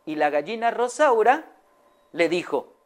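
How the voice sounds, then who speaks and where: A woman's voice: medium pitch, very animated, unhurried. A woman telling a children's story aloud, often asking her young listeners questions.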